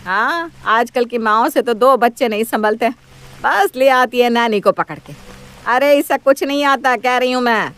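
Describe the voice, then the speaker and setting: A woman's voice: a little high, expressive, normal speed, a bit bright, smooth. A woman voicing a bossy, quarrelsome older mother-in-law in a cartoon story, taunting and scolding.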